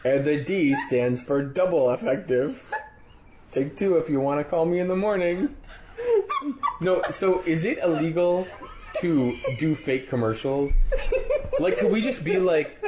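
A man's voice: on the high side, unhurried, roomy sound, background noise. A man co-hosting a podcast in casual comedic chat, goofy and laughing often. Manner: goofy, joking, laughs a lot. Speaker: podcast co-host.

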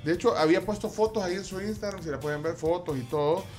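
A man's voice: high voice, quick pace, a little mellow. A Salvadoran man hosting a casual live radio chat, rambling and repeating words as he goes. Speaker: radio show host. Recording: clear music bed behind. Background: music.

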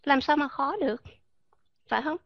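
A woman's voice: sits high, moderate pace, dry recording, highs cut off. A woman teaching English pronunciation, demonstrating vowel sounds and asking her listeners questions. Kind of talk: pronunciation lesson.

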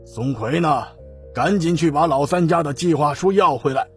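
A man's voice: on the high side, normal speed, a bit bright, soft background music, lightly acted. A man playing a scheming, domineering older family patriarch in an audiobook drama, with a commanding, dismissive way of talking. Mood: scornful.

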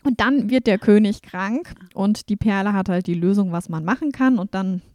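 A woman in casual chat, retelling a rhymed children's book with lively, animated storytelling. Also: mid-range voice, normal speed, dry recording, studio quality. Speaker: book reviewer.

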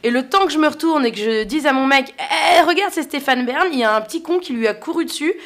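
A woman on a panel telling anecdotes in a chatty, animated way, often laughing. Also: sits high, fast. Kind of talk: casual studio chat.

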